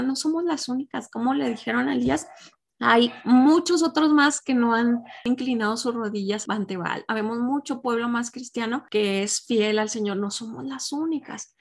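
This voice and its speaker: A woman gives a devotional lesson to a group of women. Her voice sits a little high with a gravelly, creaky edge, and she talks in a conversational way, often turning to her listeners with questions. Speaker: Bible study teacher for women. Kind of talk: devotional teaching.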